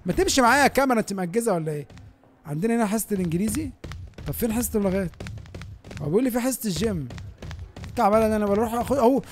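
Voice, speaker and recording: A young man with an Egyptian Arabic accent giving excitable, joking commentary over a school game, given to sudden panicked shouts. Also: very fast, pauses often, slight background noise. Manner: excitable, yelps and shouts in panic, then calms to low asides. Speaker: gaming YouTuber. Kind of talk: comedic gameplay commentary.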